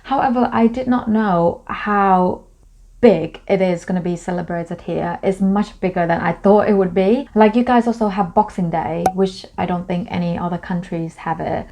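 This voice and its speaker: A woman's voice: fairly low pitch, normal speed, mellow. A young woman from Thailand, a native Thai speaker, chatting casually to camera in a vlog, explaining things in a friendly way with plenty of fillers. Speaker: vlogger.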